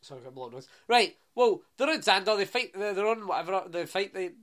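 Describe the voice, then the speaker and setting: A man's voice: sits high, very animated, brisk, a bit bright. A young Scottish man co-hosting a podcast, bantering bluntly, teasing and swearing casually while recapping. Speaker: podcast co-host. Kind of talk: casual chat.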